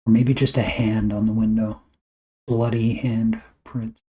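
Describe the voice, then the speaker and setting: A man chatting casually to viewers on a livestream while drawing, with a flat, deadpan delivery. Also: fairly low pitch, fairly quick, poor audio. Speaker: streamer.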